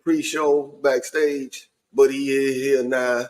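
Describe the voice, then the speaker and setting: A man's voice: mid-range voice, level tone, takes it slowly, darkish tone. A man hosting a podcast, talking casually with his friends in an informal, colloquial way. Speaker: podcast host. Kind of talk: casual sports talk among friends.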